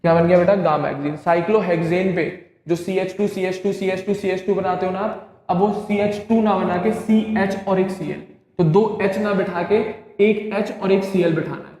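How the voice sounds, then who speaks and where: A male chemistry teacher, lecturing an online class. He keeps asking students if things are clear and answers his own questions. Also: high-pitched, steady tone, moderate pace, few pauses, a little mellow. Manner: drilling, asks questions and answers them himself. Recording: very echoey classroom with long reverb.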